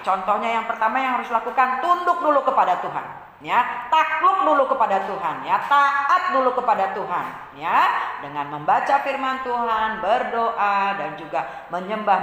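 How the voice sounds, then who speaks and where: A woman teaching a children's Bible lesson in a gentle, patient way, often repeating points and checking in with "ya". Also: medium pitch, slight background noise. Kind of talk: Sunday-school lesson for children. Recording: echoey room with long reverb.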